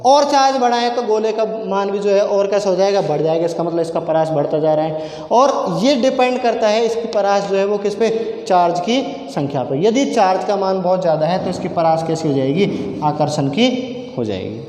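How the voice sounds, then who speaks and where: A man's voice: high-pitched, lively intonation, moderate pace, a little mellow. A male physics teacher giving a classroom lecture, asking questions and answering them himself. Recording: echoey classroom with long reverb.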